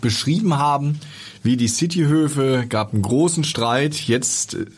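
A man hosts a podcast from a studio, his voice a touch husky and breathy. He asks his questions in an easy, friendly, conversational way. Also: medium pitch, unhurried. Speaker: podcast host. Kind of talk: casual interview.

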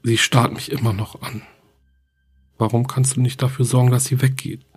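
A man reading the diary entries of a lonely, grieving young girl in a quiet, earnest way, as horror narration. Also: mid-range voice, level tone, moderate pace, slightly rough. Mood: frightened.

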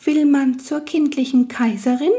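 Storybook casting: tiny hooting male night goblin, very high, delighted murmur, read by a woman. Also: fairly even intonation, moderate pace, mellow, lightly acted. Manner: hoots "huhu", murmuring and delighted.

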